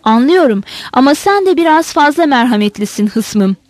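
A woman reading the part of a cruel young Cossack man who shouts hoarse, furious threats. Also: high voice, lively intonation, moderate pace, dry recording.

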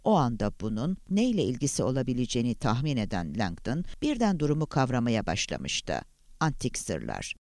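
A man's voice: mid-range voice, huge pitch swings, moderate pace, a little mellow, dry recording, clean studio sound. Dramatic man narrating a thriller audiobook.

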